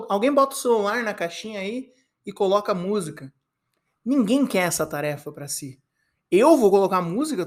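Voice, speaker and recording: Young brazilian guy rambling on his solo podcast, brazilian portuguese accent, playful mock-serious tone, munching fruit. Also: sits high. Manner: eating fruit while talking. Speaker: podcast host.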